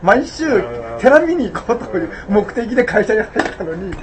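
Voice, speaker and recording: An older man telling anecdotes in casual talk, animated and often laughing. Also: sits high, moderate pace, over music, poor audio. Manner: animated, laughing storyteller, mimics quoted voices. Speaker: guest storyteller.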